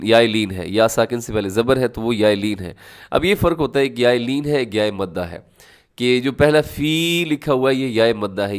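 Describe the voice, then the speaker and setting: A man teaching tajweed, explaining each rule and then sounding out words slowly and loudly, often asking the class rhetorical questions. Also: mid-range voice, clear, resonant tone. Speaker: Quran recitation teacher. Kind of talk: tajweed lesson.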